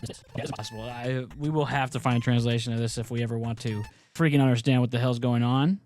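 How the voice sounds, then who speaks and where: Man, gaming YouTuber, casual gameplay commentary, rambling, swears, mid-pitched voice. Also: steady tone, fast talker, a little mellow, a little hiss or hum. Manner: loose, rambling, swears freely.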